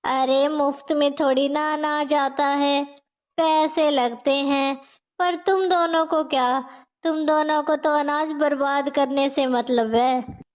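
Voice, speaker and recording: A sharp-tongued, strict mother-in-law from a storybook, put on by a woman narrator. The voice sits high and the words come slowly, on a dull lo-fi recording. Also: fairly even intonation. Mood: scolding. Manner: sharp, scolding. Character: strict scolding middle-aged mother-in-law.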